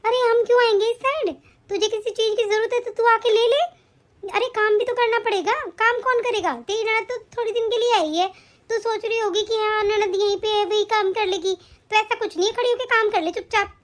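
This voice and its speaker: A woman plays a middle-aged mother-in-law in an animated family story, scolding and scornful. The voice sits very high, almost childlike, and her lines come as commands. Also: brisk. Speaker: voice actor in an animated family drama.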